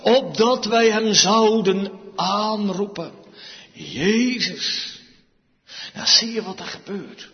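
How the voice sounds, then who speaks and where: A man preaching a sermon, slow and emphatic, his voice swinging widely in pitch and loudness. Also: lively intonation. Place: church. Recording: dull sound with long reverb, church hall.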